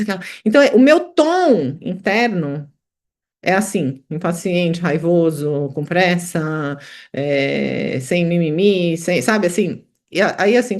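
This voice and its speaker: A middle-aged woman reflectively sharing personal experiences in a study group over a video call, with many fillers and restarts. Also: medium pitch.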